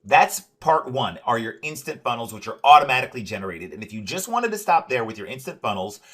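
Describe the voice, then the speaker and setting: A man giving an upbeat, salesy screen-share walkthrough of a software dashboard, often adding "right?" and filler "uh"s. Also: medium pitch, big pitch swings, brisk, breathy edge. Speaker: product demonstrator.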